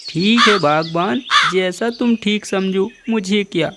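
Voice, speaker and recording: A man's voice: high-pitched, unhurried, very noisy. A man voicing a sly, scheming male crow in a cartoon, calling out urgently. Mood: agreeable.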